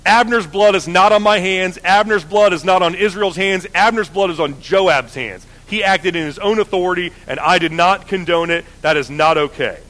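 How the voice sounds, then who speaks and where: A man's voice: high-pitched, normal speed, hardly any pauses, a bit bright, rough recording. A man voicing a stern male king who firmly disowns a killing. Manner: firm, emphatic.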